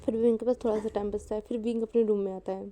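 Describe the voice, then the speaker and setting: Chatty woman with a mellow voice. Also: mid-range voice, steady tone, racing. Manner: chatty, talks to viewers. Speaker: storyteller. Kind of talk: casual story narration.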